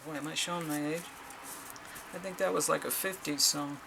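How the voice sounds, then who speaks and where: A woman's voice: deep voice, steady tone, a little fast, creaky, heavy background noise. A middle-aged woman doing a casual tarot reading, chatty and exclamatory as she reads card meanings aloud. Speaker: tarot reader.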